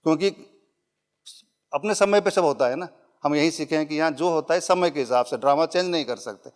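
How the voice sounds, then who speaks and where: Higher-voiced man teaching a workshop. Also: a little fast. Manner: conversational, mixes English phrases into Hindi; illustrates points with everyday examples. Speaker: public speaking trainer. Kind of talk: workshop lecture to a live audience.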